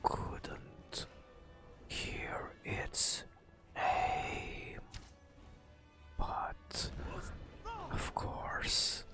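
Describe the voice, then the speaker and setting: Softly narrating a fantasy game for ASMR, a man whispers breathily and unfolds the story slowly and dramatically with long pauses. Faint music plays behind him.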